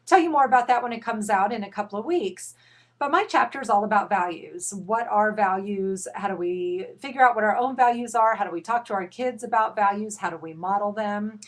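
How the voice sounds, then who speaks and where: A woman's voice: mid-range voice, a little fast. A middle-aged woman parent coach giving an impassioned, emphatic video rant, a bit out of breath, with some restarts.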